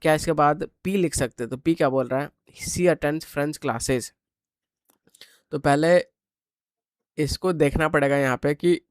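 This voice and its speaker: A man's voice: a little high, a little slow, long pauses, dry recording. A man teaching an exam paper walkthrough lesson, explaining step by step and asking and answering his own questions.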